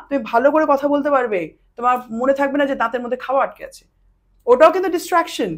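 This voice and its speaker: A woman practitioner in a podcast conversation, with a voice hoarse from long talking, who explains animatedly and then drops to a slow, soft voice to show how people speak in trance. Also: high voice. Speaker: past life regression practitioner. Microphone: podcast studio mic.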